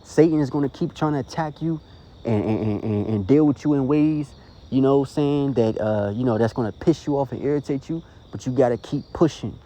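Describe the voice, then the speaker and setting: Earnest man preaching, dark voice. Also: medium pitch, a little fast. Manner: earnest, rambling, many "you know" and "okay?" tags. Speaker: street preacher. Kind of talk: informal preaching to camera. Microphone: phone recording.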